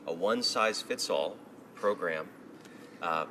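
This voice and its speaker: Male MP, very deep voice, parliament speech posing a question, clear background noise. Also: measured pace. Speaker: member of parliament. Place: legislative chamber.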